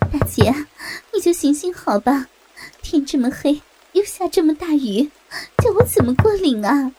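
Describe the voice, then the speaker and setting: A woman voicing an exhausted young woman who pleads for shelter in a breathy, half-whispered voice. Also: high voice, big pitch swings, normal speed, mellow, pitched above the performer's own voice, poor audio. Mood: desperate pleading.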